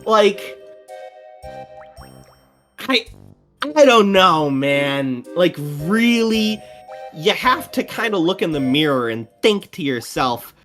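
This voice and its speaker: A woman streamer riffs through casual reaction commentary, swearing and laughing as she goes. Her voice is low, but it swings widely in pitch. Faint music plays underneath. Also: slow, long pauses. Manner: animated, swearing, laughing often.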